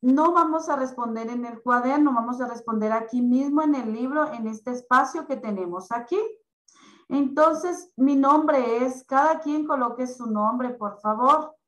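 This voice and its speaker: A woman teaching young children in an online class, explaining slowly and patiently. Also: on the high side, fairly bright tone, echoey room, poor audio. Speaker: primary school teacher.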